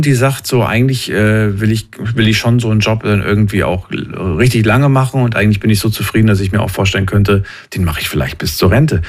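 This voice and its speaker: Probing male call-in host. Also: fairly low pitch. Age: 30s. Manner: probing, repeats himself when asking questions. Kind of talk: casual phone-in chat.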